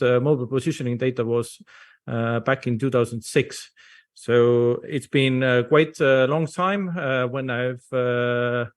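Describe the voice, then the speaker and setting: A man from Estonia, English speaker, giving a conference presentation over a video call with many hesitant fillers. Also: mid-range voice. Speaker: invited speaker.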